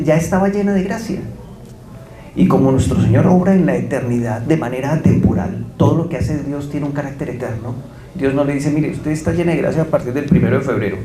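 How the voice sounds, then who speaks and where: A man's voice: a little high, mellow, reverberant, rough recording. A man giving a religious lecture as guest speaker, telling stories with quoted dialogue.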